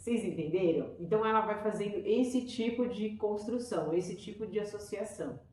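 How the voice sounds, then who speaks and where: Chatty teacher in an echoey room. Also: female voice, medium pitch, a little fast, darkish tone, recorded from a distance, a little hiss or hum. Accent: Brazilian Portuguese. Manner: enthusiastic, chatty, acts out children's voices. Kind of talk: explaining to parents.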